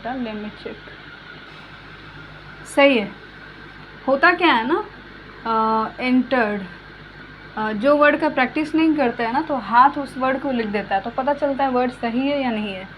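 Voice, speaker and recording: Woman teaching English verbs, dull lo-fi sound. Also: high-pitched. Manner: explains slowly with repeated examples. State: coughing now and then. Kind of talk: spoken English lesson. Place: home room with fan switched off. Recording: dull lo-fi recording with faint hum.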